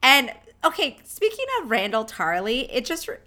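A woman co-hosts a casual podcast in a bright, sharp voice. She talks in a breezy Valley Girl way, throwing in "like" and "bro" as she gives her opinions. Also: a little high, sing-song, normal speed. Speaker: podcast co-host.

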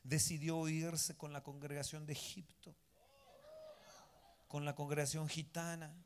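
Pastor guy preaching, kinda high voice, lots of rhetorical questions, sudden loud bursts. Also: level tone, measured pace, slight background noise. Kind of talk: sermon.

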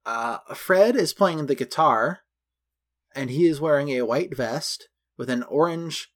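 A man co-hosting a podcast, chatting loosely about a film with a slightly higher voice than most men. He lists details one after another in a relaxed, talky way. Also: measured pace. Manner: chatty, detailed, goes through costumes item by item. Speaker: podcast co-host. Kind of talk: casual film recap chat.

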